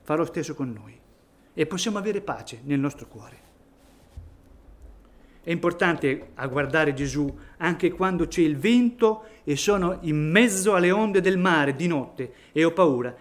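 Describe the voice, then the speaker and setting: Expressive man preaching a sermon. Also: a little high, a little slow. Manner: expressive, rising to emphatic peaks on key phrases. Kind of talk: sermon with scripture reading.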